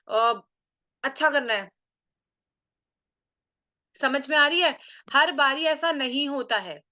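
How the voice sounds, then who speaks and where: Bright high-voiced woman teaching online. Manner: mixes Hindi and English, slow and spelled out for key terms; checks in with listeners often. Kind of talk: live online lecture. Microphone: computer mic on a video call. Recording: muffled video call audio.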